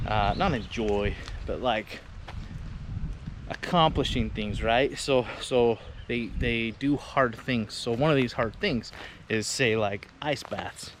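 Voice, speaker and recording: A man talking casually to camera as a vlog host, in an informal, halting, rambling way. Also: mid-range voice. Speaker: vlogger and host. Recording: noisy outdoor ambience, vehicle and river noise.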